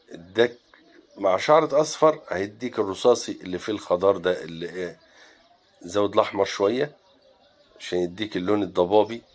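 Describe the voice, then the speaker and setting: Speaking with an Egyptian Arabic accent and a lowish voice, a man teaches landscape painting one step at a time. He stays relaxed, pausing often to think aloud while mixing his colors.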